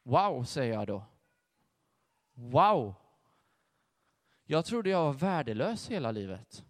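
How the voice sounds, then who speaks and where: Young man preaching in a reverberant hall. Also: mid-range voice. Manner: conversational, animated storytelling. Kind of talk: sermon with personal testimony.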